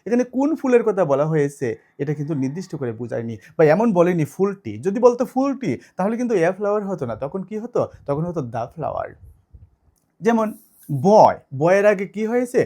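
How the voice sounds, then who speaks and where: A man's voice: sits high, very animated, fairly quick, mellow. A man teaching an online grammar lesson, explaining step by step and asking his students questions.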